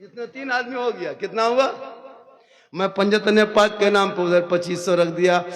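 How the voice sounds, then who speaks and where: High-voiced preacher in his fifties. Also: moderate pace. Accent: Jharkhand regional Hindi. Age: 50s. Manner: swings between loud declaiming, sing-song chanting and joking asides. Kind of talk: humorous sermon at a religious gathering. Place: religious gathering.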